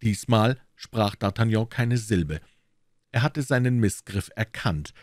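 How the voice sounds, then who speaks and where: A man reading a classic novel aloud as an audiobook narrator, with measured, expressive storytelling. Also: on the low side, no room sound, clean studio sound. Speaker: audiobook reader.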